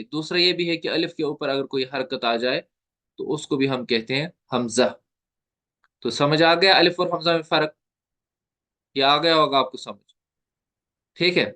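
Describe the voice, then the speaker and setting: A man teaching a recorded Tajweed lesson, patiently asking questions and answering them himself, and drawing out the example sounds slowly. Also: on the high side, pushed and bright. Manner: patient, asks and answers his own questions. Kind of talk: recorded online lecture.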